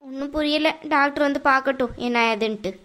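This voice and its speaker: A woman voicing a sharp-tongued, nagging middle-aged mother-in-law in a cartoon, scolding and mocking. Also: high-pitched, fairly quick. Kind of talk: cartoon voice acting.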